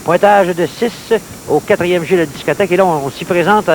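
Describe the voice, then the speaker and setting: Male Quebecois golf-style commentator, voice a little high, measured clipped shot calls, faint noise on an old TV broadcast recording. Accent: Quebec French. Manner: measured, clipped phrases following each shot. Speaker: play-by-play commentator. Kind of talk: golf-commentator style play-by-play of a mini-putt match. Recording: noisy late-1980s TV sports recording.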